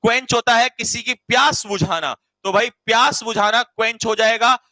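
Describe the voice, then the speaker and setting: A man's voice: extremely high pitch, moderate pace, sharp tone, no echo, poor audio. A man teaching vocabulary to a class. He teases the students and repeats each meaning so they can write it down. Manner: teasing, jokey, calls students beta and bhai. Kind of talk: classroom vocabulary lesson in Hindi.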